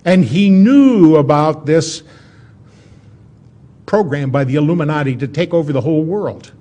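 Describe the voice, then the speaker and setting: A man giving an informal history lecture as a storyteller, in a folksy, conversational way with dramatic pauses. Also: on the high side, lively intonation, dark tone.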